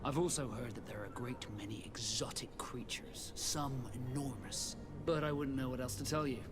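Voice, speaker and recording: An actor playing a proud, dignified seafaring guild captain in a video game, speaking in a measured way. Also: male voice, mid-range voice, lightly acted. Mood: measured, informative. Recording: music behind the dialogue.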